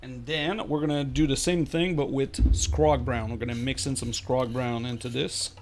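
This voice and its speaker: A man's voice: medium pitch, steady tone, moderate pace, slight background noise. A man hosting a live miniature painting tutorial, chatting casually and rambling with lots of fillers, joking and talking to his chat. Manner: jokey, talks to chat.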